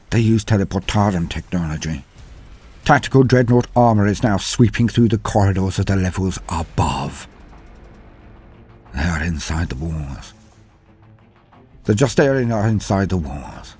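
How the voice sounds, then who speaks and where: A man voices a grim, doomed male super-soldier officer recalling a battle in dramatic, scripted first-person war-story narration. His deep delivery is urgent and grim yet solemn and measured, with dramatic pauses and hushed phrase endings.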